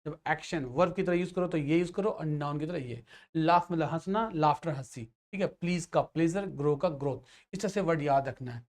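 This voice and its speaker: Hindi-speaking male grammar teacher. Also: fairly high pitch. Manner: explains patiently, repeats checks like "theek hai"; mixes English phrases into Hindi. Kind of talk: grammar lesson for exam students.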